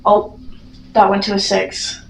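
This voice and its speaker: A woman vlogging a ghost investigation in an excitable, spontaneous way, putting questions and requests to a spirit and often rephrasing them. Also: medium pitch, unhurried, gravelly, a crowd in the background. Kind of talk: spontaneous vlog narration while addressing a spirit with questions. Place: echoey room inside a castle. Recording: roomy echo, some background noise.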